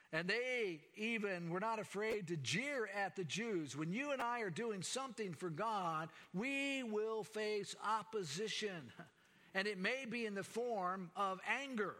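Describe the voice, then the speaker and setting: Guy preaching a sermon, loud then hushed, bright tone, long echo. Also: high-pitched. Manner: dramatic, swings from loud to hushed.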